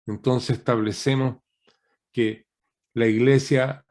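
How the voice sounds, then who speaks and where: A man gives a sermon as a guest pastor, his voice coming through a video call. He teaches steadily at a middle pitch, poses rhetorical questions to his listeners, and keeps tagging his points with a quick question. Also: fairly even intonation, a little mellow.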